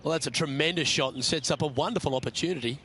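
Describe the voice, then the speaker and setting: A man giving golf commentary as lead announcer, calling each shot in short, measured phrases. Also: a little high, a bit bright. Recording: crowd and outdoor noise behind.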